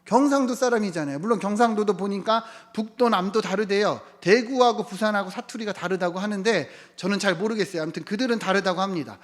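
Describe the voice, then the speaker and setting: A male pastor preaching a sermon, asking the congregation many rhetorical questions and sometimes dropping to a hushed whisper for emphasis. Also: sits high, fast, few pauses.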